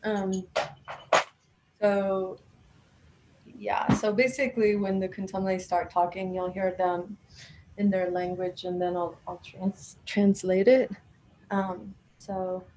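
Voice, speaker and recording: A woman guiding a group chat over a video call, laughing easily as she talks. Her pitch sits mid-range and her speech is relaxed and full of small restarts. A faint hiss runs under the call. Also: slow, long pauses, poor audio. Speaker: divination facilitator and translator.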